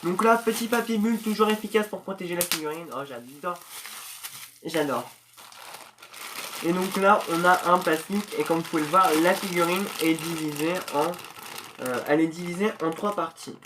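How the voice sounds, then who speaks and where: A host giving casual unboxing commentary in a chatty, slangy way with many hesitations, getting excited while opening the package. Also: mid-range voice, normal speed, noisy background.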